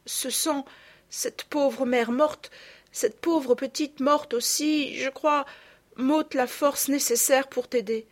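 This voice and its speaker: A woman's voice: high-pitched, fairly even intonation, slow, voice pushed up. A woman voicing a timid trembling young girl. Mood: tearful. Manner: weak and trembling.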